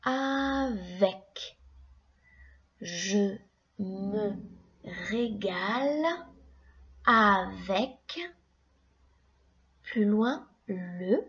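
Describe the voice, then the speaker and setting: A woman teacher giving a slow, patient classroom dictation, repeating each word and stretching its syllables. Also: on the high side, muffled recording. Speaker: primary school teacher.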